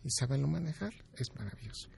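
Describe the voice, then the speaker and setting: A man's voice: mid-range voice, lively intonation, fast, creaky, darkish tone. A man, a doctor guest in an interview, giving emphatic advice and explaining with examples.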